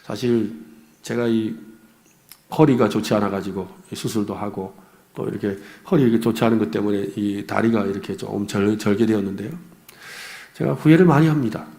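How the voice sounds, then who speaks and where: A man's voice: on the low side, brisk, creaky, warm tone. A middle-aged man, a pastor, preaching an earnest, confessional sermon with personal stories.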